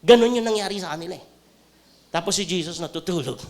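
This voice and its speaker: A man preaching a sermon as a pastor, with a Filipino accent, joking one moment, loud the next, then dropping to quiet earnest talk. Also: sits high, quick pace. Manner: animated, jokey preaching that swings between loud outbursts and quiet talk.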